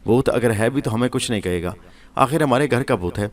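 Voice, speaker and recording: A man voicing a young wife who calmly covers up a secret. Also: medium pitch, close to an everyday voice. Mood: evasive.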